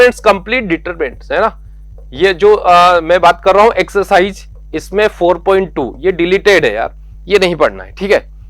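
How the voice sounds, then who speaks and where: A male maths teacher, his voice sitting high for a man. He talks students through the syllabus in a coaxing way and repeats each point. The sound is close and dry. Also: a bit bright, no echo. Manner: coaxing, repeats key points, calls students beta and yaar. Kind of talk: exam syllabus lesson.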